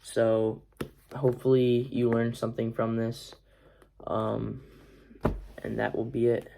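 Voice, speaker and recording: A man's voice: medium pitch, little pitch movement, slow, gravelly, background noise. A young man vlogging, talking through a book summary in a casual, rambling way; he is congested. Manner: rambling, filler-heavy, earnest. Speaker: vlogger, athlete.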